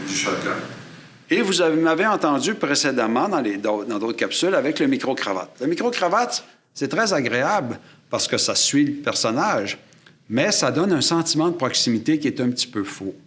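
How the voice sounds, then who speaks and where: A man gives a hands-on lesson about microphones. He talks in a mid-pitched voice, from a studio table, picked up by a shotgun mic on a boom aimed at his chest. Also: sing-song, brisk, a bit bright. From Quebec. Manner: explanatory, demonstrating gear while talking. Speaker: photography and sound instructor. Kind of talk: classroom demonstration. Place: studio table set up for filming. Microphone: shotgun mic on a boom above, aimed at his chest.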